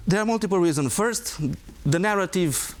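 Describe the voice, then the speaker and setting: A man's voice: sits high, lively intonation, moderate pace. Emphatic male guest. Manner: emphatic, pointed, rhetorical questions. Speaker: guest, former diplomat. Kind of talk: interview answers.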